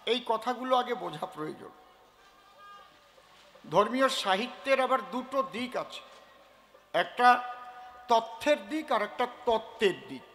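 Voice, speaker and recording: High-voiced joking storyteller man. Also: bright, forceful tone, in a large hall. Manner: joking, earthy, teasing the audience, then lecturing. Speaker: kobigaan folk poet performer. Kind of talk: stage storytelling to a live audience.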